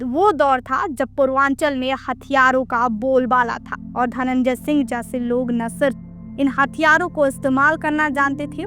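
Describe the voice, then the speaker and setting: Woman, high-pitched, scripted narrator, dramatic storytelling delivery, faint background music.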